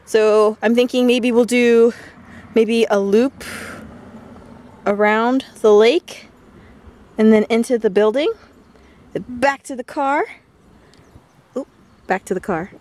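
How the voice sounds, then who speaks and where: A woman's voice: fairly high pitch, darkish tone. A young woman from West Virginia chatting casually and rambling on while filming a walk through a windy garden. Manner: rambling, chatty, quick laughs. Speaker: vlogger. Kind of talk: casual walking vlog chat. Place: outdoors in a windy botanical garden.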